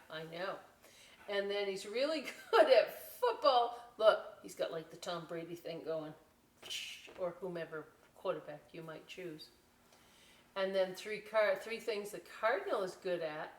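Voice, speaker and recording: A lowish-voiced American woman presents a children's story time, expressively reading a picture book and chatting in folksy, explanatory asides. There's a slight hiss or hum, plus a roomy echo from the distant microphone.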